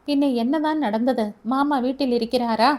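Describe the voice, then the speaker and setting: A woman voicing a caring young man who speaks softly and coaxingly in an audio story. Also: high voice, moderate pace, close to an everyday voice. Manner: soft, coaxing.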